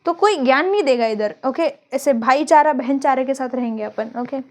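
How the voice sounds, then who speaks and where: A young woman teaching a biology lesson in a casual, joking way, thinking aloud and dictating notes slowly, from India. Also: high voice, lively intonation. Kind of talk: casual Hinglish classroom lecture.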